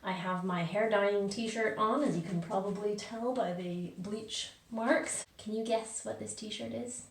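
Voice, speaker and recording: A woman's voice: medium pitch, unhurried, slight background noise. Woman chatting casually in an echoey bathroom. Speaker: vlogger. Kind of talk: casual chat to viewers. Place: small indoor bathroom. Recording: echoey bathroom, distant mic.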